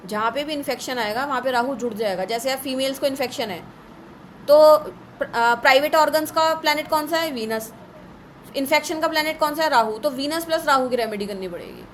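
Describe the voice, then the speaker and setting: Brisk high-voiced woman teaching. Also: slight background noise, poor audio. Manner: brisk, scolding, lists items. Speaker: astrology teacher. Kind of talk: live online class.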